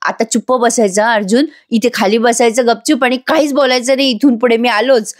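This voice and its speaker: A woman's voice: a little high, steady tone, fairly quick, dry recording, studio quality, close to an everyday voice. A woman voicing a young man who is an exasperated friend and scolds firmly.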